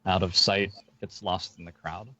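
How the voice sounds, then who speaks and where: A man narrating as game master of a tabletop game, talking with many fillers and slowing down for descriptions. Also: deep voice, level tone, bright, forceful tone, a little hiss or hum. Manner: hesitant, filler-heavy narration with slowed descriptive passages.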